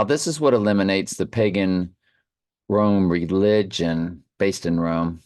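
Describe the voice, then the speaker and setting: With half his mouth still numb from the dentist, an online Bible study host reads and comments off the cuff, slurring slightly. His voice is low and a little mellow, and the recording is dry.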